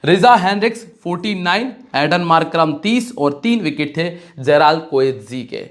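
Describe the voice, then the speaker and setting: High-pitched man chatting cricket picks. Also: lively intonation, normal speed, fairly bright tone. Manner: chatty, direct address to viewers, rattling off stats. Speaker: fantasy cricket predictor. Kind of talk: casual cricket prediction talk.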